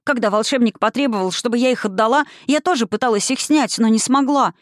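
A woman's voice: fairly high pitch, quick pace, dry recording, clean studio sound, pitched above the performer's own voice, lightly acted. A woman reading an audiobook, voicing a frightened little girl who pleads and stammers. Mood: frightened, pleading.

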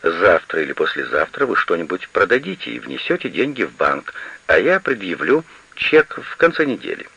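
A man's voice: deep voice, big pitch swings, normal speed, gravelly, pushed and bright, husky, dry recording, full character voice. A man reading an audiobook and voicing a proud, demanding woman who owns an estate, on a slightly lo-fi recording. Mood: imperious. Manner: insistent and demanding. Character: proud, pleading, imperious woman estate owner.

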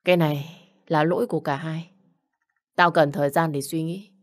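A woman's voice: sits low, fairly even intonation, normal speed, lightly acted. Woman voicing a furious, bullying young husband. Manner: shouting insults, coarse and bullying. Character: angry jealous young husband, harsh and accusing.

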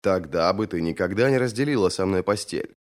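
A man's voice: low voice, lively intonation, brisk. A man reading an audiobook, voicing an awkward, earnest young man in training as a warrior, hesitant and sheepish. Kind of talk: audiobook character voice.

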